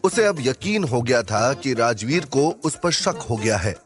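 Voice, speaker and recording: A man narrating a scripted audio story in a steady, dramatic manner. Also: medium pitch, unhurried, faint music behind.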